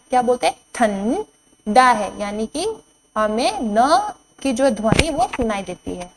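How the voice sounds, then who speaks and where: Woman teacher for small children, higher voice, stretches every word and says it twice, faint hum on the track. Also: rough recording. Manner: slow, drawn-out reading of each word, then repeating it; asks the children questions and answers them herself. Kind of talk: classroom lesson at a board.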